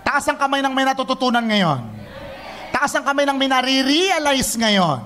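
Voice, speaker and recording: A young man preaching a sermon, lively and teasing, switching between Tagalog and English. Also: very high voice, moderate pace, slight background noise. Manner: animated, mixes Tagalog and English, teasing the congregation.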